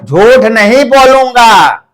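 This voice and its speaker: Guy doing a cheeky honest schoolkid, really high and slow. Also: sing-song, soft background music, full character voice.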